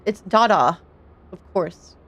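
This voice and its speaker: A woman streamer chatting casually with her viewers in a nasal voice. She sounds bubbly and giggly, and her voice jumps up high when she gets excited. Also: slow pace. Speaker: streamer playing a game. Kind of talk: casual live-stream chat.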